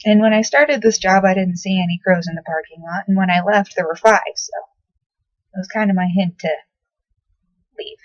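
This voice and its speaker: A woman's voice: mid-range voice, normal speed, no echo. Young woman rambling through her makeup routine. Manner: rambling, swears casually, many "like"s. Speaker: beauty vlogger. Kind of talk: casual makeup tutorial chat. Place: her bedroom. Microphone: laptop built-in mic. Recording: dull dry laptop mic audio.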